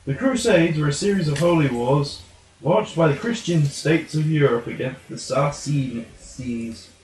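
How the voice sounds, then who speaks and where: A man's voice: a little high, a little slow, darkish tone, slight background noise. A man reading scripted educational narration for a comic puppet show. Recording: echoey room.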